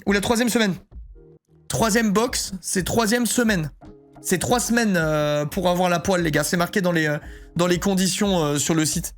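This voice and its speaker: A man's voice: high-pitched, normal speed, soft background music. A man streaming live, chatting casually and joking while he reads his chat aloud.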